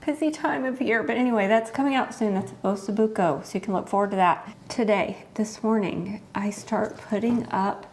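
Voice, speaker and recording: A woman's voice: medium pitch, normal speed, hardly any pauses, darkish tone, a little hiss or hum. A middle-aged woman hosting her home cooking channel, chatting earnestly and heartfelt to her viewers. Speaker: host. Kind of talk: casual chat to camera.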